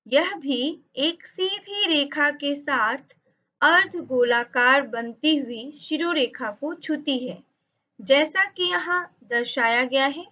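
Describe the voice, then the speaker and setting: A woman teaching over slides, speaking slowly and carefully and drawing out each sound she spells. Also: high voice, bright, forceful tone. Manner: drawn-out, emphatic spelling of sounds. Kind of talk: slow, careful lesson narration over slides. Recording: dull lo-fi audio.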